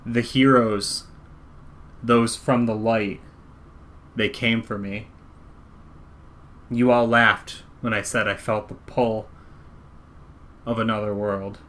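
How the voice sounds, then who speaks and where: A grave, solemn man speaks in a slow, measured way, as a male game master puts him on. He has a slightly low voice, and the scene comes from a tabletop game session. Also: level tone, a bit bright.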